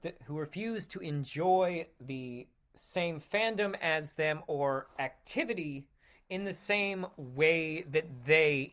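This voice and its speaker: Sarcastic thirties guy doing a podcast, slow, voice goes up and down a lot. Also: fairly high pitch, fairly bright tone. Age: 30s. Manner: sarcastic, frequent throat clearing. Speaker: podcast host. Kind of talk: casual monologue.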